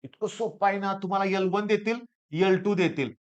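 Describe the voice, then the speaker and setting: A man with a Marathi accent teaching physics for an exam, hoarse from a sore throat, coaxing his students and repeating the key points. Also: sits high, fairly quick, muffled recording. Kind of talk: exam-prep lecture.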